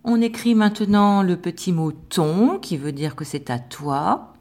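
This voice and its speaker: A woman teacher giving a slow, patient dictation lesson to young pupils, spelling out sounds with careful articulation. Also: fairly low pitch, animated, a little mellow. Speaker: primary school teacher.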